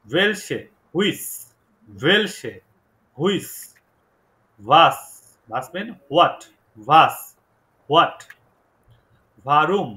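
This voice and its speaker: Bright-voiced man teaching a language class. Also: on the high side. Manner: explains slowly, repeats words for learners. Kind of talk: online class lesson.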